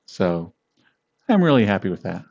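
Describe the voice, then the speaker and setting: A man streaming live and chatting casually with viewers, laughing often and greeting them by name in a relaxed, meandering way. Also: low voice, vocal fry. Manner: relaxed, meandering, with fillers and pauses. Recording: dull lo-fi stream audio.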